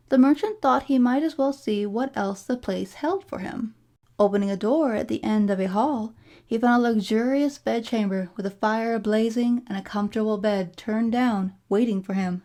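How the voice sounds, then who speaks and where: A woman narrating a fairy tale from a storybook in a measured, formal storytelling delivery. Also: fairly high pitch, dark tone. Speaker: storybook reader.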